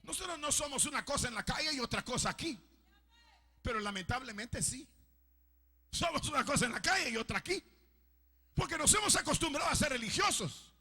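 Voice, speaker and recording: A man with a Salvadoran Spanish accent preaching a sermon as pastor, often breaking into loud, shouted outbursts. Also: very high voice.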